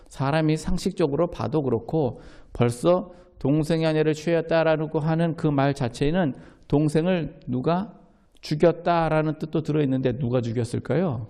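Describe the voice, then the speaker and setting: A man's voice: on the high side, vocal fry. A man preaching a sermon as pastor, talking in a conversational way, asking the listeners questions and acting out quoted lines. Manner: acts out quoted lines in lively voices.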